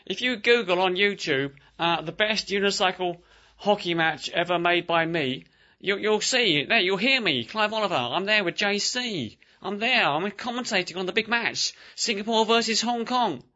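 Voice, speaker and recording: A man's voice: high-pitched, animated, normal speed, sharp tone, highs cut off, voice pushed up. A man voicing a boastful male sports commentator with a put-on New Zealand or Australian accent that keeps slipping. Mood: pompous. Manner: pompous, insists he is famous, accent keeps slipping.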